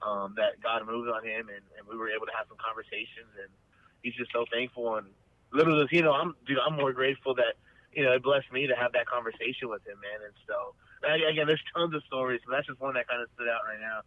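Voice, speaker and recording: A man's voice: mid-range voice, fairly even intonation, fast talker, dry recording. A man, a band member guest in a casual interview, talking earnestly and rambling with many restarts. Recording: dry, phone-like remote line.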